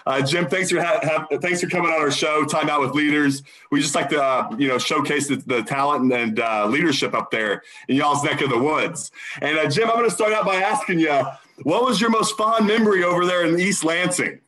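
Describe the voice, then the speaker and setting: A man's voice: on the high side, a little fast, bright, forceful tone, rough recording. A man co-hosting a casual interview show, chatty and enthusiastic, rambling a bit as he talks. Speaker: talk show co-host.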